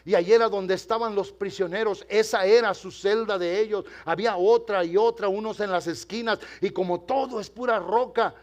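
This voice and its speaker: Older male pastor, high voice, preaches to his congregation in church, quiet at times, then rising to loud impassioned passages. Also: moderate pace, hardly any pauses. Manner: addresses the congregation directly. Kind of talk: sermon.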